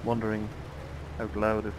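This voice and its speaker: A man's voice: on the low side, monotone, normal speed, background noise. A tired man casually commenting on his own truck driving game, musing aloud to himself. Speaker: let's play gamer. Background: truck driving game sounds.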